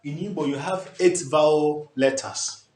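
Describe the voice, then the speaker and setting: A man with a fairly high, slightly mellow voice teaches language at a whiteboard, speaking a little slowly and with emphasis, often asking "okay?". The setting is a small indoor room recorded by a nearby camera, with an echoey sound and a faint hiss.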